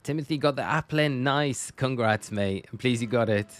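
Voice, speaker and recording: A man's voice: mid-range voice, moderate pace, faint music behind. A young man from Northumberland, chatting casually and rambling with viewers on a live stream. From Northumberland, England. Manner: chatty, rambling, self-correcting.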